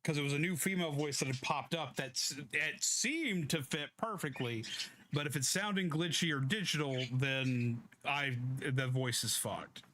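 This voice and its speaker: A man's voice: fairly high pitch, normal speed, sharp tone. A man giving casual gaming commentary as he streams. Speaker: game streamer. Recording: faint background noise.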